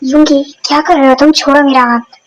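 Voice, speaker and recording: A woman's voice: high-pitched, steady tone, brisk, dry recording, muffled recording, close to an everyday voice. A woman voicing a hot-tempered young mafia boss who scolds sharply, in a Hindi dubbed fan story. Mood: angry.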